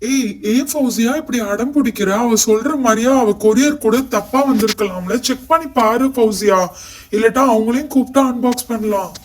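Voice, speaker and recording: A woman voicing Abdullah, an easygoing schoolboy in a doll show who tries to calm his friends, speaking. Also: on the high side, brisk, recorded from a distance, pitched below the performer's own voice, close to an everyday voice. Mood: coaxing. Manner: coaxing peacemaker. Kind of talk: doll show role-play.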